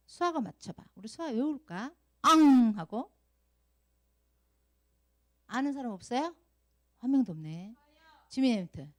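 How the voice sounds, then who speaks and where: Brief: middle-aged woman, Sunday school preacher, lively, questions the children constantly, acts out crying. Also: on the high side. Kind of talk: children's sermon.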